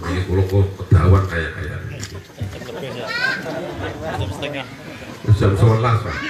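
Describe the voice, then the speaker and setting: A man with a Javanese accent preaching a sermon to a crowd, joking and swinging between loud, emphatic lines and quiet ones. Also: medium pitch, a little hiss or hum. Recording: echoey from far off.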